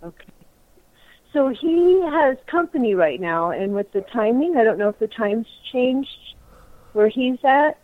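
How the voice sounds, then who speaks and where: A woman's voice: on the high side, expressive, unhurried, no room sound, narrow, tinny audio. A woman calling in to a radio show by phone, playful and giggly. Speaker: caller.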